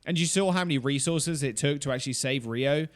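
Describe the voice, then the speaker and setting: A man casually breaking down a game replay, reacting loudly and swearing often as the plays unfold. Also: on the high side, a little fast. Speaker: esports streamer and analyst.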